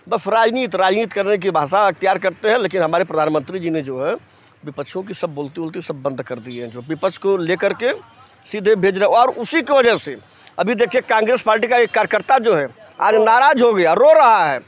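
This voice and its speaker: Emphatic high-voiced man. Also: fairly quick. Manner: emphatic, repeats filler "jo hai". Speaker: passerby giving opinion. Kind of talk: street interview. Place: outdoors on a city street.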